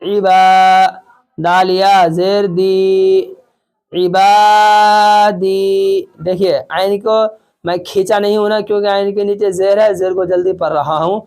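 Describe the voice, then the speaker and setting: High clear-voiced male Quran teacher. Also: little pitch movement, darkish tone. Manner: patient, repeats questions and answers them himself. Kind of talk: spelling-out lesson with drawn-out syllables.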